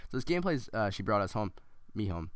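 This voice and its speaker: A man's voice: on the low side, sing-song, fast, clean tone, no echo. A man rambling through a story as casual gameplay commentary, with many ums and restarts.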